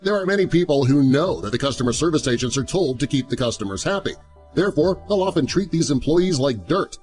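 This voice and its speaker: A man reading a scripted story as a narrator, in an animated storytelling manner. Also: mid-range voice, a little fast. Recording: music under the voice. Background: background music.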